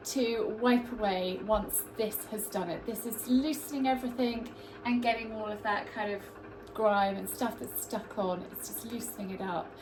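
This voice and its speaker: A home tips vlogger in her thirties chats casually to camera in her kitchen while showing a cleaning tip, chatty and homely with friendly asides. Hay fever has left her congested and bunged up. Her voice is on the high side, and the recording is rough and roomy.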